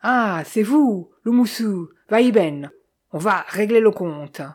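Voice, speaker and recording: A woman's voice: on the low side, moderate pace, mellow, breathy edge. Sargasse, a growling brute of a carter, as a woman reads him. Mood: menacing. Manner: growling, threatening. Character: brutish angry middle-aged male carter.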